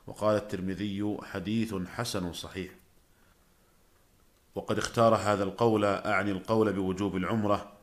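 A man giving a scripted religious lecture as a radio scholar, with measured, formal standard Arabic diction. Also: fairly low pitch.

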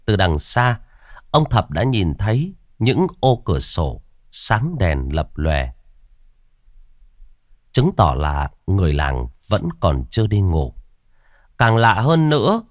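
A man reads a spooky story aloud in a low voice with a lively, swinging melody. The recording is close and dry, with no room sound. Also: dry recording. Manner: expressive storytelling. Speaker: narrator. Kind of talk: scripted horror story narration.

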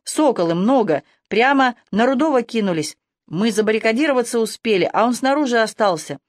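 A woman's voice: on the high side, animated, a little fast, no echo, pitched above the performer's own voice, close to an everyday voice. Young werewolf grunt, male, panicked and breathless, pleading for backup, read by a woman, dry sound.

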